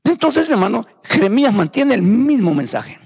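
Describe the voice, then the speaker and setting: A man's voice: very high voice, big pitch swings, moderate pace, vocal fry, darkish tone, husky, in a large hall. A man preaching a fervent sermon, repeating phrases and calling his listeners brothers. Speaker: pastor.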